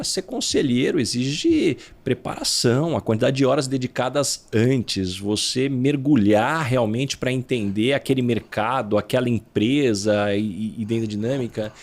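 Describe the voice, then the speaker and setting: Gravelly-voiced man hosting an interview. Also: medium pitch. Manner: frank, explains in structured points. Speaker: podcast host. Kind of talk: interview conversation.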